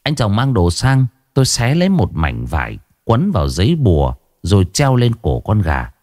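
A man narrating a ghost story in the first person with expressive, rising and falling delivery. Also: on the low side, moderate pace, no room sound, studio quality.

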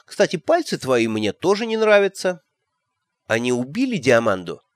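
A man's voice: medium pitch, big pitch swings, moderate pace, no echo, studio quality, lightly acted. A man voicing a young queen, speaking in an offhand, breezy way. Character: calm eerie young queen, axe-wielding.

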